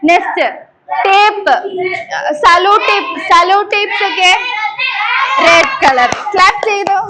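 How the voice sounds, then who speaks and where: Woman, very high voice, unhurried, leads class and pledge, coaxing, noisy room. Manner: coaxing, repeats questions to the class; leads a slow, loud group pledge. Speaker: environment day class leader for schoolchildren. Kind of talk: classroom talk to young children. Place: school gathering with children. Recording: noisy school room recording.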